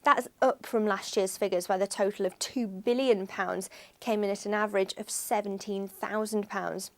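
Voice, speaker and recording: A woman reading a scripted news-style voice-over for a finance firm in an even, measured way. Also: mid-range voice. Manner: even, measured read of figures.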